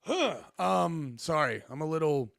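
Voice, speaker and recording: A man co-hosting a casual podcast, a bit hoarse from losing his voice, talking in an animated way and swearing often. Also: on the high side, unhurried, a crowd in the background. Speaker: podcast co-host.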